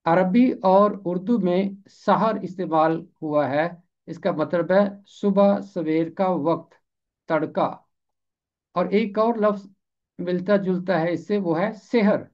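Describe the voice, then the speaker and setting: A man whose voice sits high walks through words in an explanatory pronunciation lesson, deliberately repeating each term slowly so its sound and meaning come across clearly. The recording is muffled.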